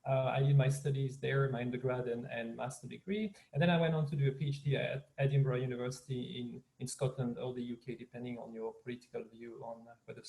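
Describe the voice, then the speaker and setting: A man's voice: mid-range voice, level tone, fast, few pauses, dark tone, poor audio. A man from Switzerland, a native French speaker with a Swiss French accent, giving an upbeat online lecture as a guest professor over a video call.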